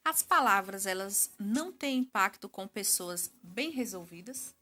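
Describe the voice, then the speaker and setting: Bright, upbeat woman TV host. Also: medium pitch, lively intonation, a little slow. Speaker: program host. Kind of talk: TV program hosting.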